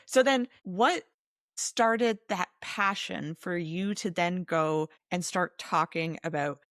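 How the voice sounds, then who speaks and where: A woman's voice: fairly low pitch, slow, fairly bright tone, dry recording, clean studio sound. A woman hosting a podcast, asking questions in an eager, affirming way. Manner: eager, affirming, laughs along. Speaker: podcast host. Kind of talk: casual interview conversation.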